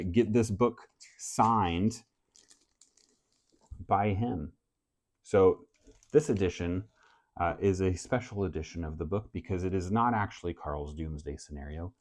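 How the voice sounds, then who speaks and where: A man who grew up in France, talking casually to camera about his reading list in a relaxed, measured way. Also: sits low. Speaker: book vlogger. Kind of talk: casual book talk to camera.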